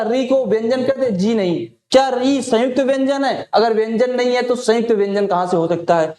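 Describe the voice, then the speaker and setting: A man's voice: very high-pitched, darkish tone. A male teacher running an exam-prep lesson, who asks each question aloud and then answers it himself. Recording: echoey room.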